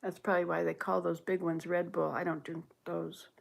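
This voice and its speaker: A woman's voice: on the low side, flat delivery, moderate pace, creaky. Rambling woman in her sixties. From Canada. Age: 60s. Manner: rambling, musing aloud, reads comments and answers them. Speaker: livestream host. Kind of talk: casual livestream chat reading viewer comments.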